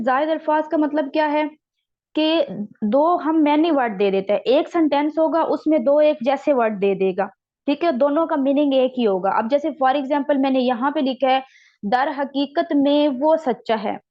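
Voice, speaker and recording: A woman teaching a recorded exam-prep lecture, explaining slowly and checking in with her students after each point. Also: high voice. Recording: dull lo-fi sound.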